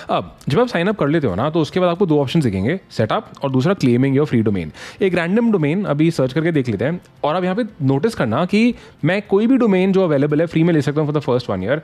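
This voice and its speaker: A man whose voice is fairly high and a little mellow works as an online business educator. His explanations are chatty and laced with English phrases, and he regularly pauses to ask listeners "thik hai?"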